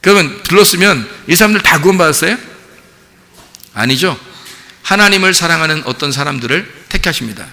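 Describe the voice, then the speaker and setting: A male pastor preaching a sermon with animated delivery, often firing rhetorical questions at the congregation. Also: fairly high pitch, brisk, big-room sound. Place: church sanctuary.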